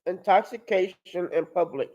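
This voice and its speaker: Halting, high-voiced young man giving testimony. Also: mellow, lo-fi sound. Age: 20s. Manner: halting, repeats and restarts words. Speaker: testimony speaker at a live-streamed outreach. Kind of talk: personal testimony.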